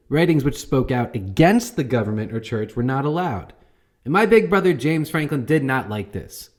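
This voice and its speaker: A man's voice: medium pitch, a little mellow. A man playing a young colonial-era printer who teaches a comedic history lesson with a wry, playful manner. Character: young male founding-father printer as a jokey teacher.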